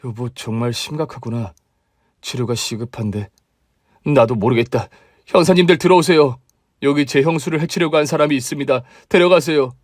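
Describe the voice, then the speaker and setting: A man's voice: mid-range voice, fairly quick, no room sound, close to an everyday voice. A man voicing a young husband who speaks in a dry, resigned, cutting way in a radio drama.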